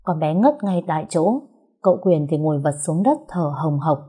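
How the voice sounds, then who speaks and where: Woman narrating a story in a dark, husky voice. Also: low-pitched, animated, moderate pace.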